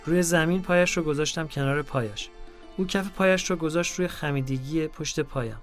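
A man reads diary entries aloud in a calm, measured way, his voice sitting a little higher than most men's. Soft music plays faintly underneath his narration.

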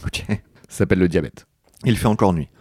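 Man, podcast co-host, playful mock-dramatic reading, deep voice. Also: brisk, darkish tone, slightly rough, no echo, clean studio sound. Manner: joking, laughs often, mock-dramatic reading. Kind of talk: comic book reading with banter.

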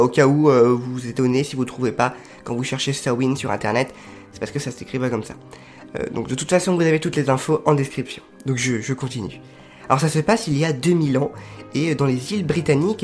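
A man explaining history in a casual, chatty way, full of fillers and quick self-corrections. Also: on the high side, a little mellow.

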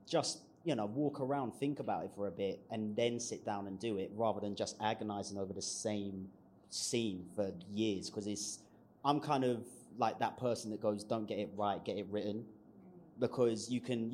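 A man's voice: on the low side, normal speed, a little mellow, a little hiss or hum. A man on a writers' panel, chatting informally with street slang and humour. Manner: informal, uses slang like "innit" and "ain't". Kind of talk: live panel discussion.

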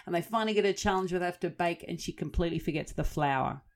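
Chatty woman, low voice. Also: quick pace. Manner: animated storyteller, laughs easily, chatty asides. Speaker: podcast co-host. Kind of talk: casual chat, storytelling.

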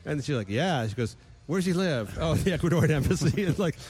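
A man co-hosting a casual comedic chat, animated and laughing often. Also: a little high, fast, slightly rough. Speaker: podcast co-host.

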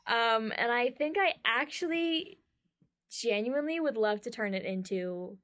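A woman co-hosting a podcast chats casually in an animated, playful way. Her voice sits a little high. She talks with a quick, joking energy. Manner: animated, playful, laughing often. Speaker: podcast co-host. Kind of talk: casual chat.

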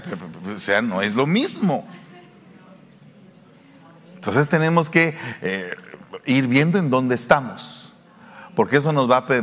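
Male pastor, mexican spanish accent, sermon, lively pitch, rhetorical questions, long hall reverb. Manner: conversational preacher, asking listeners rhetorical questions.

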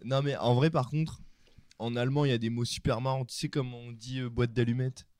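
A young man chatting on a podcast with crude, joking banter, close and dry on the mic with no room sound. His voice sits at a medium pitch. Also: steady tone, brisk, a little mellow, dry recording. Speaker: podcast co-host. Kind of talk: casual chat.

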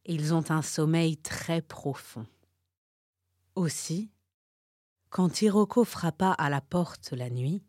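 A woman narrating a children's story in a slow, expressive way. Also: low-pitched, dry recording, clean studio sound.

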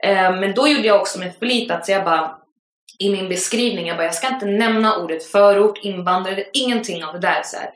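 A woman guest on a podcast, telling stories in a casual, animated way, full of fillers. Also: mid-range voice. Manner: animated storytelling with frequent fillers. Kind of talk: casual conversation. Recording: roomy echoey room.

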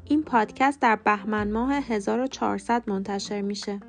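A woman hosting a short podcast lesson on English pronunciation, reading from a script and slowly spelling words out letter by letter; her first language is Persian. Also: mid-range voice, vocal fry, soft background music.

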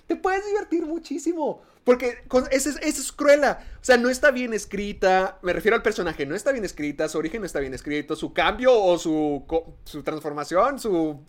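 A Mexican-accented woman co-hosts a laid-back movie podcast. She talks in a lively, opinionated stream, cutting herself off and restarting as her thoughts race ahead. Her voice sits at an ordinary middle pitch. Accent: Mexican Spanish. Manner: animated and opinionated, quick restarts. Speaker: podcast co-host. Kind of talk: casual film review chat.

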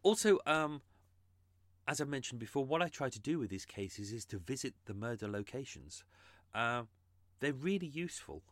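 A man's voice: medium pitch, very animated, moderate pace, no echo. A man hosting a true crime podcast, explaining his research in an earnest, casual monologue.

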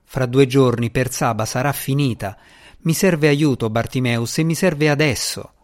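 A man's voice: medium pitch, measured pace, lightly acted. Asmira, a man voicing a stern young woman. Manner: firm, pressing delivery. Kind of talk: audiobook character reading.

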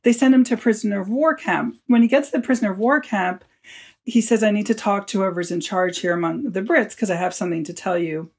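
A man's voice: high voice, brisk, breathy edge. Man telling a wartime story as a guest. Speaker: author guest. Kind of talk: storytelling in a podcast interview.

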